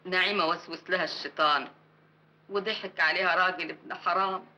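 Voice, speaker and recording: A worried woman with an Egyptian accent who pleads with her neighbor and showers him with blessings. Her speech is quick and her tone very bright. It plays as classic Egyptian cinema. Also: steady tone, lo-fi sound. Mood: pleading. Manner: pleading, blessing, low earnest tone. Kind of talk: classic Egyptian film acting.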